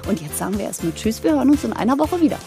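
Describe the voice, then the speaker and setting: A woman's voice: on the high side, sing-song, racing, over music. A woman hosting a chat podcast, interviewing a guest and laughing along. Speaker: podcast host.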